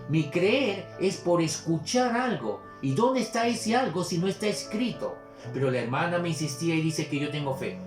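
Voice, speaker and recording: A male pastor preaching a sermon, explaining with examples and scripture. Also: fairly high pitch. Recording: echoey room with soft guitar music. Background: soft guitar music.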